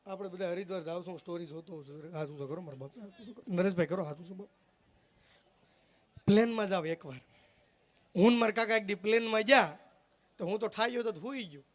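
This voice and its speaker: A man's voice: high-pitched, fast talker, long pauses. A man telling comic stories live on stage, joking and teasing the audience directly. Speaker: folk stage comedian.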